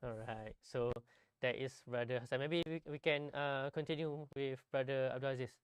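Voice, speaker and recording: A man hosting a casual campus talk show, pausing often with ums and uhs. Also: medium pitch, steady tone, clear, resonant tone, no echo. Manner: hesitant, many ums and uhs. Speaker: host.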